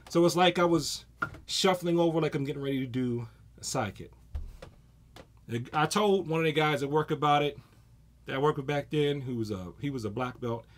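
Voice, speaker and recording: A man in his forties, a martial arts instructor, giving a casual self-defense talk and acting out stories with energy. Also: on the high side. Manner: animated storyteller, acts out scenes.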